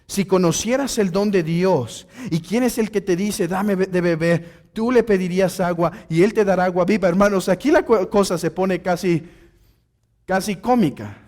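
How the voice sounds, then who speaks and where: Pastor preaching, really high voice, acts out the story lines. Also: male voice, moderate pace, a little mellow. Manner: addresses congregation as brothers, acts out dialogue. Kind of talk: expository sermon.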